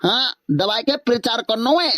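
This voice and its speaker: A woman's voice: fairly high pitch, moderate pace, a bit bright, no room sound, studio quality, natural voice. Woman voicing an old wheedling village politician. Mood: coaxing. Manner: pleading, coaxing cartoon voice.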